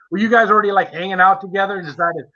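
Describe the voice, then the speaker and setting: A man's voice: sits high, pushed and bright. A man hosting a casual livestream chat in a chummy, self-deprecating way. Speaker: livestream host. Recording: dull lo-fi stream audio.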